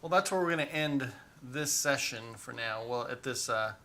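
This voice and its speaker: A man running a tabletop game as game master, narrating scenes in an animated, playful way. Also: medium pitch, moderate pace.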